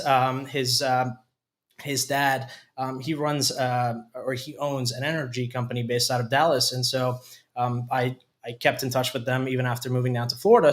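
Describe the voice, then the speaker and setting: A man in his twenties, originally from Hungary, telling his story as a guest in a studio interview with frequent pauses and restarts. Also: medium pitch, fairly bright tone. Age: 20s. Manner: hesitant, many fillers and restarts. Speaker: company COO, guest. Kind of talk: casual interview talk.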